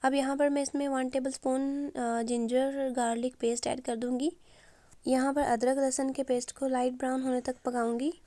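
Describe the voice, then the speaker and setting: A woman hosting a cooking channel, talking through a recipe step by step with a hoarse, sore throat and frequent pauses. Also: sits high, level tone, mellow, no echo. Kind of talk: recipe voice-over.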